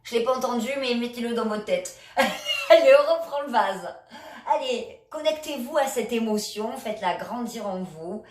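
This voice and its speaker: A woman leading a laughter yoga session, coaching gently with many hesitations. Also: a little high, lively intonation, moderate pace. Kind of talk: guided exercise session. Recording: echoey room, a bit far from the mic.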